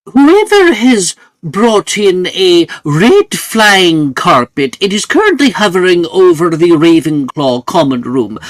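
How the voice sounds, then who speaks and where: A formal school announcer speaks over the intercom, as a man game master puts him on. The voice sits higher than the man's own and comes across loud and set back from the mic. The delivery is dry and matter-of-fact. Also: no echo, full character voice, rough recording. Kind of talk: game master voicing a figure in a tabletop game.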